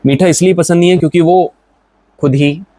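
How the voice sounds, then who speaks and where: A man's voice: on the high side, steady tone, a little fast, mellow, no room sound. A young Indian man teaching vocabulary in a casual, joking, brotherly way. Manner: chatty, joking, brotherly, with English example sentences. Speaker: English teacher. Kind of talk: casual Hindi vocabulary lesson.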